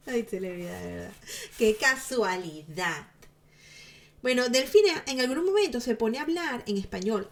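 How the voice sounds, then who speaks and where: A woman giving chatty, sarcastic commentary to her viewers, laughing often. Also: a little high. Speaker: celebrity gossip vlogger.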